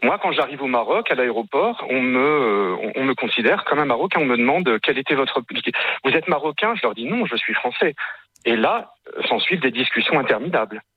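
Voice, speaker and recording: A man's voice: mid-range voice, lively intonation, fairly quick, husky, highs cut off. A man in his fifties from France calling in to a radio show, talking earnestly and hesitantly, with many fillers and restarts. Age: 50s. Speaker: caller. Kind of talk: radio call-in testimony.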